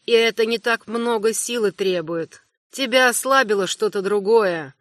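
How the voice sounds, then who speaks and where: A woman voicing a calm young prince who speaks quietly and evenly in an audiobook. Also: medium pitch, normal speed, no room sound, studio quality, lightly acted. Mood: calm, cool. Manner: quiet, even, unruffled. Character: young prince with fiery eyes, calm and cold. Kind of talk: audiobook character voice.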